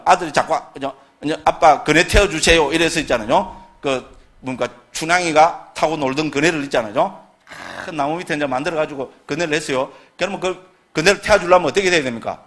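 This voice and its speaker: A middle-aged man gives an informal talk on Buddhist scripture, chatting along and repeatedly asking his listeners whether they agree. His voice is slightly high with a fairly bright tone.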